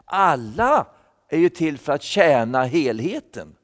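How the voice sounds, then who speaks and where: A man's voice: fairly high pitch, sing-song, big-room sound. A man giving a thoughtful Bible-teaching sermon, repeating words as he explains. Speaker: preacher.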